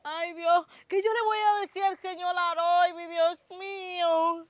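A woman's voice: very high-pitched, fairly even intonation, moderate pace, no echo. A woman playing a distraught farm worker who cries and pleads, in an amateur short-film drama. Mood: despairing. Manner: wailing, pleading, calls on God. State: crying. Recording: dull lo-fi dry recording.

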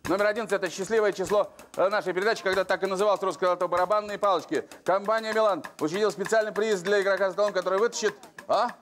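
Showy high-voiced male bingo caller. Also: fairly even intonation, very fast, a bit bright, soft background music. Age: middle-aged. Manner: theatrical showman, drawing out announcements. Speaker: TV lottery game show host. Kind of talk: bingo caller announcing drawn numbers and prizes. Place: TV studio with seated audience.

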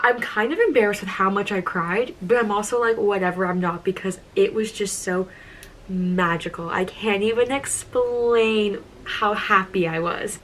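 A woman's voice: mid-range voice, a bit bright, a little hiss or hum, rough recording. A young woman telling a story in her vlog, gushing and emotional, with lots of "like"s. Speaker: YouTuber.

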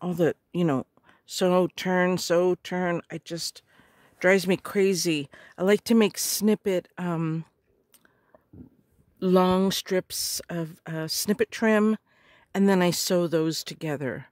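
A middle-aged woman, a little hoarse, chatting casually and gushing as she opens craft supplies. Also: on the low side, fairly even intonation, a little mellow, no room sound, clean studio sound. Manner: gushing, slow and murmuring. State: hoarse, clearing her throat. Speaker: craft vlogger. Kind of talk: casual unboxing chat.

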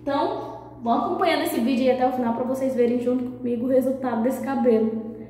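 This vlogger, a woman in her thirties, is a fast talker but keeps her voice soft and low. She is hoarse and nasal with a sore throat. She records to a phone camera at arm's length in a small tiled bathroom, so the sound is muffled and echoey.

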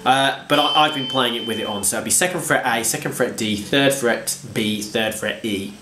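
A man with a cold teaches guitar from home, sounding congested as he counts strums out loud and chats in a self-deprecating way. He speaks at a moderate pace and medium pitch, in an echoey room with bookshelves where guitar playing can be heard.

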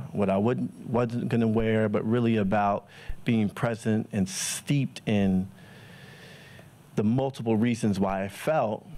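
A man giving a casual, thoughtful personal talk to an audience, pausing often with fillers. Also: fairly low pitch, darkish tone. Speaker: guest speaker.

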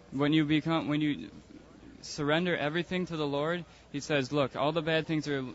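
A man on the street calmly and earnestly explaining his religious views in a debate. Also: a little high, lo-fi sound. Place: outdoors on a city street.

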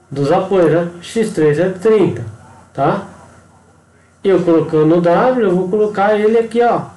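A man's voice: sits high, mellow, reverberant, rough recording. A man with a Brazilian Portuguese accent, working through a worked engineering problem on screen and checking in often with the listener. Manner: explanatory, frequent tag questions and pointing words. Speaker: engineering instructor. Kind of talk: screen-recorded tutorial walkthrough.

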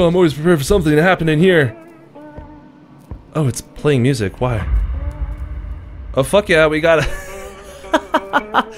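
A young man giving profane, excitable let's-play commentary, self-mocking and jumpy at scares. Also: medium pitch. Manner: excitable and profane, yelping in sudden alarm. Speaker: gaming video host.

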